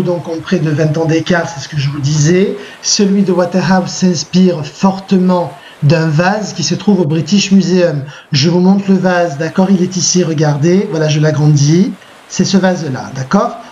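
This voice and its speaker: French-accented male teacher, high-ish voice, patient dictating tone, slightly dull recording. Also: a little mellow, a little hiss or hum. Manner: dictates slowly, repeats himself, checks with "d'accord?". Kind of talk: recorded lesson with slides. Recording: muffled lo-fi recording.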